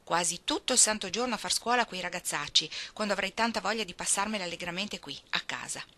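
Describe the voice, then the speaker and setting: A woman's voice: medium pitch, animated, fast talker, pushed and bright. A woman reading as the eldest sister, plaintive and given to lecturing the younger ones.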